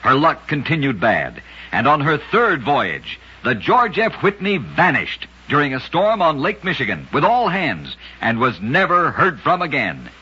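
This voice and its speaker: In the style of a vintage radio host, a man with a very raspy, forceful voice delivers a scripted program of strange tales and odd facts. He speaks emphatically and dramatically at a measured pace, his pitch swinging hugely, on a dull, old-sounding recording.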